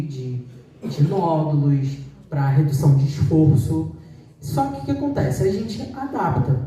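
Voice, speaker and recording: A woman's voice: mid-range voice, warm tone. A woman speech therapist giving a choir an informal, practical talk on voice exercises, explaining in a conversational way. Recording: echoey room, voice from a distance.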